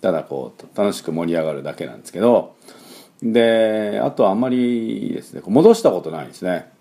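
Deep-voiced man in his fifties, chatty. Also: expressive, dark tone. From Kyushu, Japan. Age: 50s. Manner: rambling and chatty, full of fillers, drills words slowly. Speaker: English teacher and podcast host. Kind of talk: casual talk-show English lesson.

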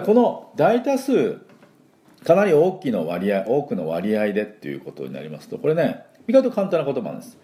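Lively Japanese man teaching English pronunciation. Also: on the low side. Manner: slow, drawn-out model words for the listener to repeat.

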